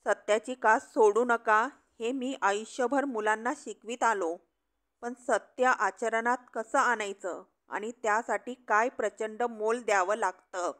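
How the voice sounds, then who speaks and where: A woman's voice: a little high, fairly bright tone. A woman reading the part of an elderly male schoolteacher who speaks solemnly and earnestly. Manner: solemn, pleading speech. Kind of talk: storybook reading.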